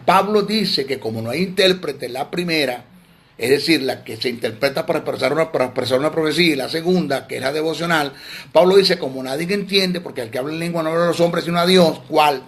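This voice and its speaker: A man's voice: on the high side, a bit bright. A man teaching theology in a sermon, emphatic and scolding, often repeating words.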